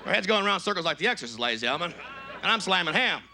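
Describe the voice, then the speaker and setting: Male stand-up comedian, rough gravelly tone, yells shrill impressions mid-joke, noisy club recording. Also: big pitch swings, racing. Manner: shouts high falsetto quotes of other people.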